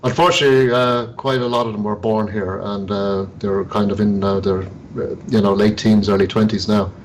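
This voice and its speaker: A man's voice: lowish voice, level tone, moderate pace, slight background noise, rough recording. A man hosting an interview, chatting casually in a rambling way, full of fillers. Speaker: show host. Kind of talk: casual chat.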